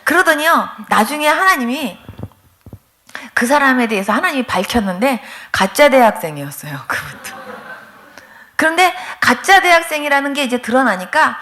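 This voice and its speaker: A middle-aged woman pastor from Korea telling her testimony in a revival sermon, animated and emphatic, acting out the people she quotes, often near tears. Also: sits high, normal speed.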